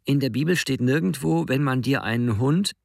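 A man's voice: normal speed, gravelly, a little mellow, dry recording, studio quality, close to an everyday voice. A man voicing a frightened pleading teenage boy. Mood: insistent. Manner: high-pitched, pleading, upset. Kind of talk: audiobook reading.

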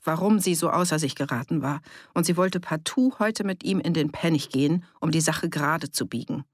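An audiobook narrator reading a village novel in even, measured scripted narration. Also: medium pitch, no room sound, clean studio sound.

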